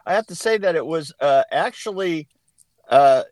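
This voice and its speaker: A man's voice: fairly high pitch, lively intonation, moderate pace, a little mellow, no room sound. A man telling rambling behind-the-scenes stories as an interview guest, with many restarts and bursts of laughter. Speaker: production designer guest. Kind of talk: casual interview chat.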